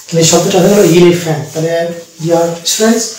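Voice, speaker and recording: A man teaching an English pronunciation lesson, explaining slowly and repeating each word. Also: on the high side, a little mellow, very echoey, recorded from a distance, a little hiss or hum, low-quality recording. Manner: slow, repetitive explaining with fillers.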